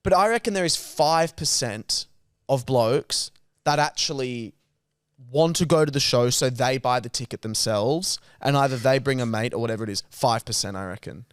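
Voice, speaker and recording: A man with an Australian accent chats casually as a podcast host. His delivery is blunt and full of Aussie lad slang. The voice is clean and smooth, recorded close and dry. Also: mid-range voice, moderate pace, no echo. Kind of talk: casual chat.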